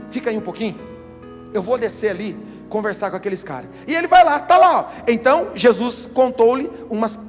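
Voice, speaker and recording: A man's voice: very high voice, fairly bright tone. A male pastor, preaching an emphatic sermon at a church service, asking rhetorical questions and acting out quotes. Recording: reverberant church hall with music behind.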